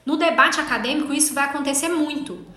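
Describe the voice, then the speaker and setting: A woman in her thirties teaching a lesson on legal writing and debate, talking fast and emphatically, often checking in with "tá?". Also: high voice, pushed and bright, reverberant. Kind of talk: online lesson.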